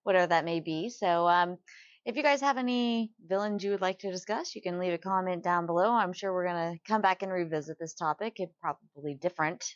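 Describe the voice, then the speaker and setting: A woman with a lowish voice co-hosts a casual podcast, supportive and quick to agree. She often laughs along while her partner talks. The sound is dry and slightly dull. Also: dry recording. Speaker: podcast co-host. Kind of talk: casual chat.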